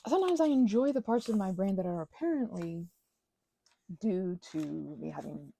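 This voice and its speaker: As she crafts, a young adult woman who hosts a craft and ASMR channel keeps up a casual, rambling chat, scattered and self-interrupting, gushing and poking fun at herself on frequent tangents. Her mid-range voice is sing-song, gravelly, and mellow, at a moderate pace.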